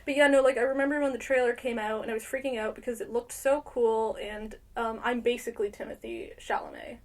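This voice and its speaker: A woman's voice: a little high, fairly even intonation, a little fast. A young woman co-hosting a podcast in casual chat, rambling with lots of fillers and swearing. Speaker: podcast co-host.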